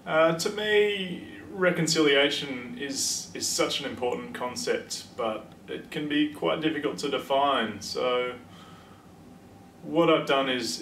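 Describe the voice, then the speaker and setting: A man giving a measured, deliberate interview answer. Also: medium pitch, fairly bright tone, slight background noise. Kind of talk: casual spoken interview answer. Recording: roomy, distant mic.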